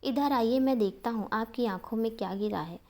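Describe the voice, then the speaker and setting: A woman voicing a gentle, caring young husband who speaks softly and coaxes a child. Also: fairly high pitch, fairly quick, lightly acted. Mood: gentle, coaxing. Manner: soft coaxing, speaking kindly to a child.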